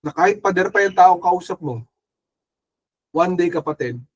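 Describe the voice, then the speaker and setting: A man's voice: high-pitched, animated, normal speed, lo-fi sound. A man with a Filipino accent, preaching an earnest, urging sermon that mixes English and Filipino. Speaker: pastor.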